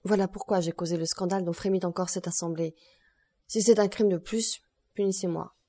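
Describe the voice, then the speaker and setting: A woman's voice: lowish voice, steady tone, a little fast, mellow. A woman voicing a defiant young male criminal speaking bitterly before a court.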